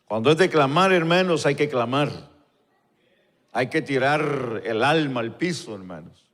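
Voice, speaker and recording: A man leading a slow, fervent prayer before a congregation, repeating "Lord" between phrases. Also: medium pitch, expressive, fairly bright tone. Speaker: pastor. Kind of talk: spoken prayer and sermon. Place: church sanctuary, recorded live. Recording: long church hall reverb.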